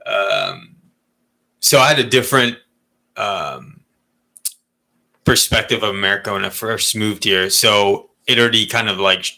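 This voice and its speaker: Candid bright-voiced man from Malaysia. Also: lowish voice, a little slow, creaky, long pauses. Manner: candid, rambling storytelling with frequent swearing and laughs. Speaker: podcast co-host. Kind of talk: casual chat.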